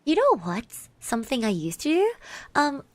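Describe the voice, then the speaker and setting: In a soft, partly whispered ASMR roleplay, a woman plays a shy, caring schoolgirl classmate who speaks hesitantly and bashfully while gently encouraging the listener. Her high voice swoops wildly in pitch at a moderate pace, and the recording is dry. The mood is shy and encouraging.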